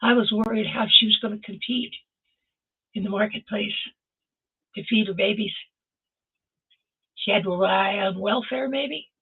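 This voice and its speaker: Older lady with a gravelly husky voice, preaching hard at her viewers, sounds like a thin phone-y video call. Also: mid-range voice, moderate pace, long pauses, narrow, tinny audio. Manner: impassioned, exhorting listeners directly. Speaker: host. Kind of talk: motivational talk.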